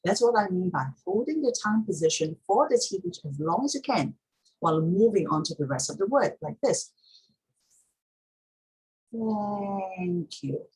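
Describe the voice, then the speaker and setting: A woman's voice: fairly low pitch, big pitch swings, fairly quick, darkish tone, husky, poor audio. A woman teaching pronunciation step by step in an instructional talk, repeating key points for emphasis.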